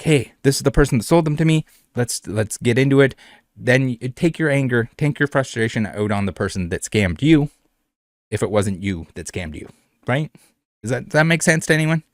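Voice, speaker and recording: A man's voice: mid-range voice, no room sound, clean studio sound. A man hosting a trading card video in casual commentary, rambling and repeating phrases, with many fillers. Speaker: trading card channel host.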